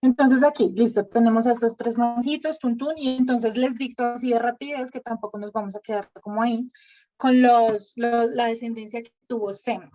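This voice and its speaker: A woman's voice: fairly high pitch, steady tone, moderate pace, mellow. A woman teaching a Bible class over a video call. She thinks aloud while she writes names on a shared screen. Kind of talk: online class with screen sharing. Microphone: computer mic on a video call. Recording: dull lo-fi video call audio.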